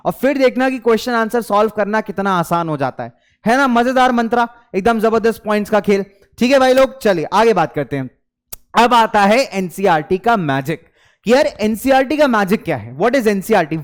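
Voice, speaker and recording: A young man gives study tips to schoolkids in a high, lifted voice. His tone is smooth and resonant. He coaxes them along and repeats each key point, slipping English phrases into his talk. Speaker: teacher.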